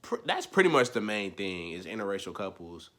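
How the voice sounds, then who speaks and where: A young man with a very low voice and a bright, forceful edge, ranting casually to his viewers. He rambles and repeats himself. He drops to low mumbles, then punches out loud, emphatic lines. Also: very animated, brisk. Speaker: vlogger. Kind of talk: casual opinion rant.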